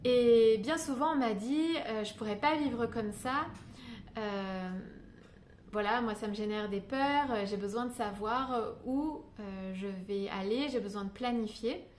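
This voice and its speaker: A woman's voice: a little high, measured pace, darkish tone, a little hiss or hum. A woman from Paris, talking through her reflections in an unscripted vlog, with many hesitations and "euh" fillers. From Paris, France. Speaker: spiritual guidance vlogger. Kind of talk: unscripted reflective monologue to camera. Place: indoors in Paris during a thunderstorm. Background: faint storm ambience.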